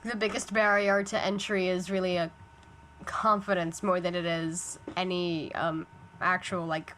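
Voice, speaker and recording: A woman's voice: lowish voice, little pitch movement, measured pace, a bit bright, a little hiss or hum. A woman co-hosting a podcast in casual chat, thoughtful and prone to repeating herself as she searches for words. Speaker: podcast co-host.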